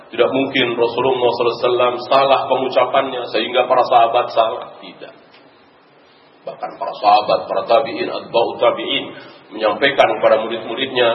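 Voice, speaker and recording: Distant, roomy man preaching. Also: mid-range voice. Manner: lively, rhetorical questions, quotes Arabic verses and explains them. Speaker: Islamic preacher. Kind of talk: religious lecture. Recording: roomy, distant, dull recording with faint noise.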